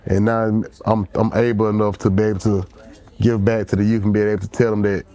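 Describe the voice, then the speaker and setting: A man's voice: on the low side, fast talker, soft background music. A young man, talking casually as a guest on a podcast and saying "man" a lot. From Alabama. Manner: relaxed, repeats "man" often. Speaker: guest football player.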